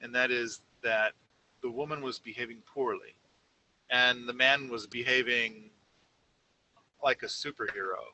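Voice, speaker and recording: A man's voice: medium pitch, fairly even intonation, a little slow, pauses often, bright, forceful tone, slight background noise, low-quality recording. A man co-hosting a casual podcast, rambling through a story with many fillers and restarts. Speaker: podcast co-host. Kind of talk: casual conversation.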